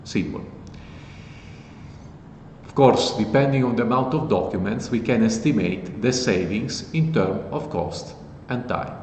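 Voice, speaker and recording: A man hosting a casual tech tutorial, walking through code in a relaxed, plain explanatory way. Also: lowish voice, a little slow. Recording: echoey with long reverb and faint noise.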